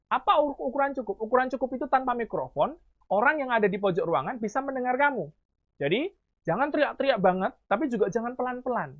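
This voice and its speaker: A man, coaching high school students in public speaking in a lively, coaxing way. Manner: talks very fast, admits it himself; lively, coaxing, calls listeners "Dek". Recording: tinny phone-like sound.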